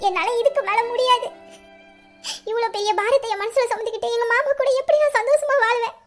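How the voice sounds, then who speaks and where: A woman's voice: very high-pitched, a little fast, faint music behind. A woman acting a young woman about to marry, pleading through sobs in an audio drama. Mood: tearful pleading. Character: young woman, earnest, torn and tearful bride-to-be.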